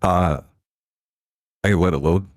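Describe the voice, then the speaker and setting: Streamer through a deep pitch-shifting voice changer. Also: male voice, steady tone, slow, dry recording, studio quality. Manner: chatty, reacts aloud to the game. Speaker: live streamer. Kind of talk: casual gameplay commentary.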